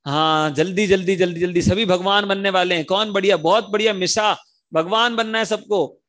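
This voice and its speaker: A young man teaching an online religion class to children, coaxing them to repeat lines and chanting verses slowly over a video call. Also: sits high. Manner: animated, coaxing kids to repeat lines aloud.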